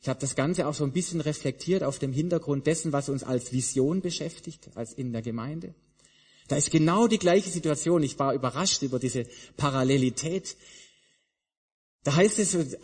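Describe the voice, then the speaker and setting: A man preaching in a church hall, with a somewhat high, husky voice. He is emphatic, and his voice rises and drops through repeated phrases. A long reverb trails behind every line. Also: normal speed, a little mellow. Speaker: pastor. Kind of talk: sermon.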